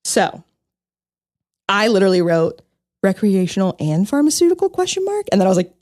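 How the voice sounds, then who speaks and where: A woman's voice: medium pitch, sing-song, brisk, darkish tone, no room sound, studio quality. A young woman co-hosting a podcast in casual chat, bubbly and giggly, filling her talk with "like". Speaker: podcast co-host.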